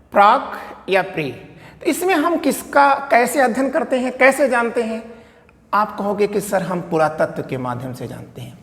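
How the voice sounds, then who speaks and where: A man gives a classroom history lecture. His pitch rises and falls a lot as he poses questions and answers them. His voice rings with a long reverb, as in a hard-walled room. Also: a bit bright. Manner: asks questions aloud and answers them, repeats "okay". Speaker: history teacher.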